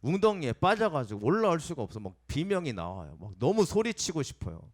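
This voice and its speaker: A male pastor delivers his sermon in a chatty, direct way, asking his congregation questions. His voice rises and falls widely, and he sometimes bursts into acted-out shouts. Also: fairly high pitch, very animated, fairly quick. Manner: conversational preaching, asks the congregation questions and acts out angry shouts. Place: church sanctuary.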